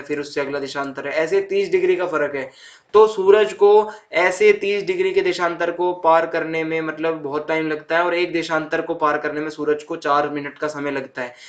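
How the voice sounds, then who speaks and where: A young man with a somewhat high-pitched voice teaches a school geography chapter. He explains things step by step, repeats key points and keeps checking that his students follow along. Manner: repeats points with "thik hai" check-ins.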